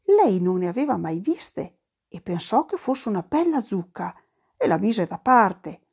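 A woman tells a folk tale at an easy pace. Her voice rises and falls freely, and she drops lively asides in local speech as she goes. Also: medium pitch, unhurried, gravelly, husky. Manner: lively, slips into dialect asides. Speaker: storyteller. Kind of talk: folk storytelling.

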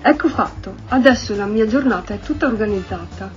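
A woman's voice: medium pitch, expressive, fairly quick, lo-fi sound, soft background music, natural voice. Woman doing a fussy little storybook toad. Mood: pleased. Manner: eager, exclaiming storybook voice. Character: fussy little toad who loves lists.

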